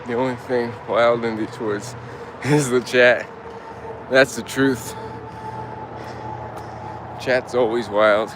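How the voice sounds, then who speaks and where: In a noisy outdoor setting in the woods, a young Turkish man live-streams as he walks, relaxed and unhurried. He responds to comments aloud with halting restarts, speaking in a mid-range voice.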